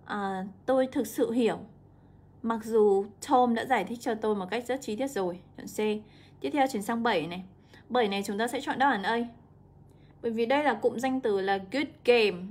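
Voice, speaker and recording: Young woman teaching. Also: a little high. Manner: explanatory, stretches example words slowly. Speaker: English teacher. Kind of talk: exam walkthrough lesson.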